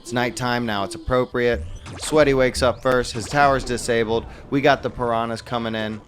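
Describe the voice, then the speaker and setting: A man commentating a mobile game tournament match play by play, upbeat and quick to exclaim at good plays. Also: medium pitch, fairly even intonation.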